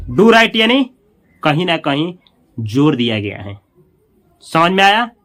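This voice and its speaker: A man teaching an English grammar lesson in Hindi, repeating each example slowly and asking his students questions. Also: fairly high pitch, sing-song. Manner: acts out commands with louder emphasis.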